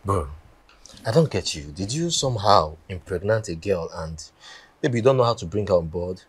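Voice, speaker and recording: A man's voice: sits low, expressive, normal speed, slightly rough. An actor playing a self-assured, wealthy Nigerian man in a film drama. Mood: teasing.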